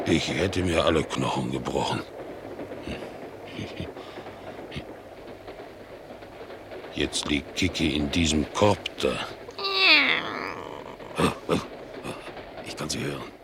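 A man voices a naive, excitable male bulldog in a German radio play, chattering about his household and mimicking those he quotes as he tells his story expressively. Here his mood is hushed and awed, at normal speed. A train's vehicle rumble makes the recording clearly noisy.

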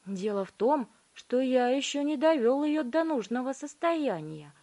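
A woman voicing an excitable, fussy male candy inventor who gushes about his inventions and pleads anxiously. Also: high voice, unhurried, voice pushed up. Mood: excited, pleading.

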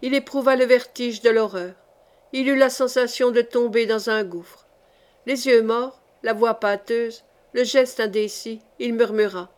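A woman narrating a historical novel as an audiobook, in a measured, dramatic reading. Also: fairly high pitch, steady tone, a little mellow.

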